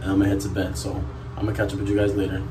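Over loud music, a man in his twenties with a deep voice talks very fast and completely flat in a casual, slangy vlog to camera. He's a laid-back college soccer player from South Sudan or Canada, with noisy outdoor and room sound.

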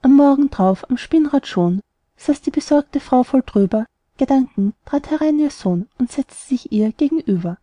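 High-voiced woman narrating an audiobook. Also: expressive, dark tone, no echo. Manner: measured rhymed verse reading.

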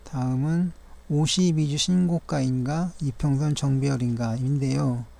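In this daily stock chart review, a man reviews each chart in turn with a gravelly, mellow, dark voice of medium pitch and steady tone. His delivery stays formal and measured, dotted with polite fillers and the odd self-correction.

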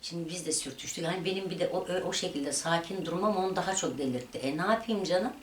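Woman vlogger, lower register, lively storytelling, echoey room with faint noise. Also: fast talker, distant mic. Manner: animated retelling of a quarrel, voices rising and dropping. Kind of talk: casual storytelling.

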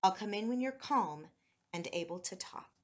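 A woman voicing a firm, patient and kind old grandfather in a children's storybook, giving clear instructions. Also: mid-range voice, animated, normal speed, lightly acted. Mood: calm, firm. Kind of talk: children's storybook read-aloud.

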